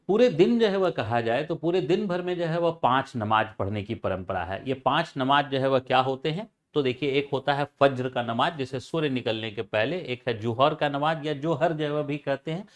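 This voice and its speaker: A man explaining a topic for a channel, halting and full of filler phrases and repeats. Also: medium pitch. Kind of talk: informal educational explanation.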